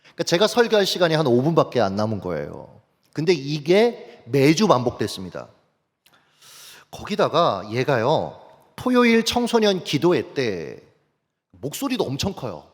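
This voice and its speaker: A male pastor preaching a sermon, telling personal stories in an animated way and speaking straight to his congregation. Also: fairly high pitch, normal speed. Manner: animated, anecdotal, addresses congregation directly. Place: church sanctuary. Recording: long church hall reverb.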